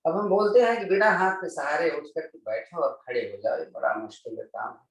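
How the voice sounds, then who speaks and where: A man's voice: fairly high pitch, brisk, creaky. A man teaching a yoga class, talking students through each pose step by step. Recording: very echoey room, mic at a distance.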